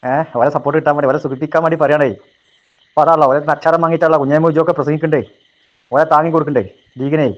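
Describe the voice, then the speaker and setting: A man's voice: fairly high pitch, steady tone, very fast. A man giving a heated rebuttal talk, combative and taunting, firing off rhetorical questions. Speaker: religious speaker answering a rival. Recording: dull lo-fi recording.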